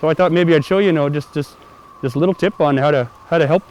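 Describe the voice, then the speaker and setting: A man playing an awkward, rambling field correspondent in a parody live news report, halting and repeating himself. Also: fairly high pitch, lightly acted. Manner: halting, repetitive, flat-footed.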